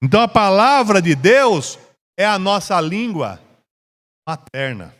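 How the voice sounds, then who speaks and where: Man, Brazilian Portuguese accent, Bible class teacher, very slow, drawn-out emphasis, echoey church hall. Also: high voice, sing-song, fairly bright tone. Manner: slow, drawn-out delivery with rising emphasis on scripture.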